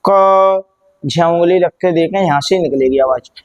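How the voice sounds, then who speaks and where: A man with a fairly high voice teaches Hindi grammar at a slow, patient pace. He drills the letters aloud one at a time and keeps posing questions to his students, then answering them himself, calling the listeners children as he goes. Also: lo-fi sound. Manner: drills sounds aloud, asks and answers own questions, calls listeners "beta". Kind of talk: classroom lesson.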